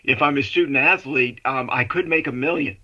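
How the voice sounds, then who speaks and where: A man's voice: mid-range voice, a little fast, a crowd in the background. A man giving sports commentary in a chatty, explanatory way on a radio talk show, his voice muffled as if it comes through a wall. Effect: muffled, as if heard through a wall. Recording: muffled remote line.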